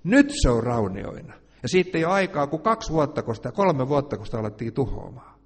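A man preaching a sermon, swinging between quiet, hushed asides and loud, emphatic declarations. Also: medium pitch, sing-song, slightly rough, in a large hall.

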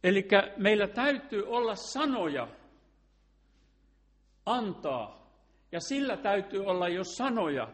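A man's voice: high-pitched, big pitch swings, long pauses, a bit bright. A man preaching a sermon in an earnest way, asking rhetorical questions and sometimes restarting a phrase.

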